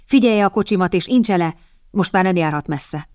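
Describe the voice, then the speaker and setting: A woman reading the lines of a composed young gentleman in a firm, commanding way. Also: lowish voice, lively intonation, dry recording, studio quality, natural voice.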